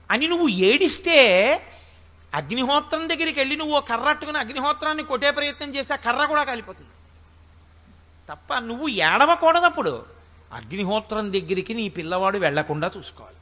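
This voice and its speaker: A man with a very high, bright voice delivers a spiritual discourse in a large hall with a long, ringing reverb. He chants scripture verses slowly, then explains them in lively, conversational asides. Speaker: spiritual speaker.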